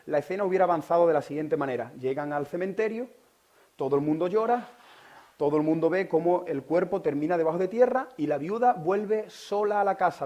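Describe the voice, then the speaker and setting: A Spanish man preaching a sermon with a fairly high voice. He asks the congregation questions directly and drops from forceful, raised passages to near-whispers. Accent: Spain Spanish. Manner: swings from loud preaching to hushed whispers. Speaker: pastor.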